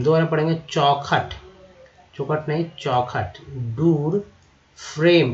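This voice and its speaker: A man teaching English vocabulary, spelling out letters and repeating each word slowly. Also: on the high side. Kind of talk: vocabulary lesson. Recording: roomy, dull lo-fi sound.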